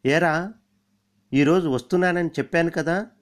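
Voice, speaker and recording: A bossy middle-aged man who hands out orders instead of asking, voiced by a storyteller who raises his pitch and volume for him. His voice is brusque and commanding in a read-aloud story. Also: animated, normal speed, close to an everyday voice. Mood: impatient.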